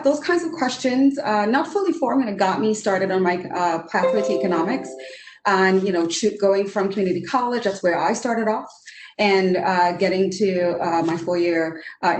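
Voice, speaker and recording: A Trinidadian woman in her forties, an economist on a video roundtable panel, speaks earnestly at a medium pitch and normal speed. Her talk is full of fillers and restarts, and the video call audio sounds roomy.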